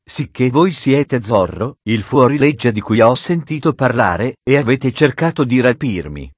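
A man voicing a stern, pompous older judge, speaking slowly and indignantly in a dry recording. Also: medium pitch, lively intonation, slightly rough, no room sound, dull audio. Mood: accusing.

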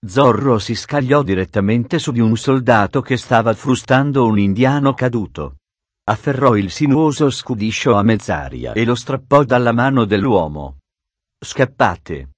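A man narrating an adventure storybook in a steady, dramatic reading on a close studio microphone. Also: medium pitch, normal speed, no room sound. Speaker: audiobook narrator.

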